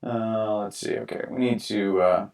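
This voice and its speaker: Low-voiced man chatting while painting, roomy. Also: a little slow, distant mic. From New York, USA. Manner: relaxed, rambling, many fillers and restarts. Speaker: artist streaming live. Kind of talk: casual live-stream painting talk. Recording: roomy sound from away from the mic.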